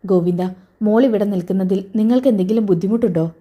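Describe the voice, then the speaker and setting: Kind old grandpa, calm and reassuring, woman reading it, warm low-key voice. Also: quick pace, close to an everyday voice. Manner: gentle, reassuring.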